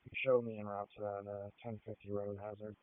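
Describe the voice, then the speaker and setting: A man's voice: fairly low pitch, little pitch movement, brisk, no echo. A man, a police officer, making a brief call over police radio. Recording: faint, distant, tinny police radio.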